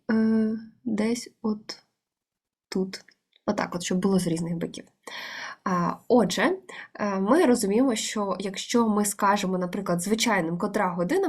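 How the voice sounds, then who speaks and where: A woman's voice: mid-range voice, a little mellow, husky. A woman teaching an online language lesson, explaining step by step with many fillers.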